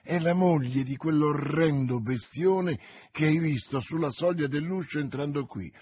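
A man reading aloud and voicing a bold young swordsman, earnest and commanding, in a husky voice. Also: fairly high pitch, measured pace, darkish tone. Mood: urgent.

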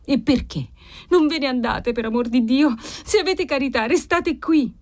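A woman's voice: sits high, sing-song, unhurried, pitched above the performer's own voice. A woman voicing a terrified young woman who sees a ghost, trembling, breathless and pleading.

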